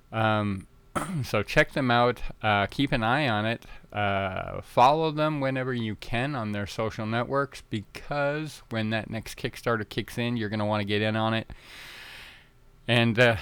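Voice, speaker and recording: This man hosts a podcast in a loose, rambling style full of fillers and restarts, sounding a bit tongue-tied in the early morning. He has a fairly low pitch and a clear, resonant tone that is fairly bright.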